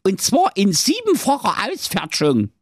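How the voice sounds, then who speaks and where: A man's voice: huge pitch swings, moderate pace, no echo, clean studio sound, heavily acted. A man voicing the smallest of seven little goat kids, a cheeky, foul-mouthed youngster blurting out a wild confession in a comic tale. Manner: squeaky, brash, rattling off a wild confession. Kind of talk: comic storytelling.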